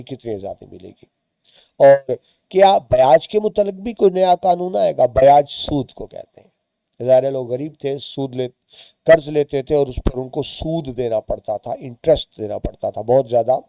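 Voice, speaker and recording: Dark-voiced teacher explaining a story. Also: male voice, medium pitch, no echo. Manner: explains words and lines as he reads. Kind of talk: reading and explaining a short story to students.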